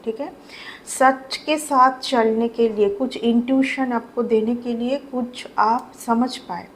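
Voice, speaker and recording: A woman's voice: a little high, a little hiss or hum, low-quality recording. A woman giving a casual tarot reading to her viewers, chatty and repeating her phrases, mixing English words into Hindi. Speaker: tarot reader.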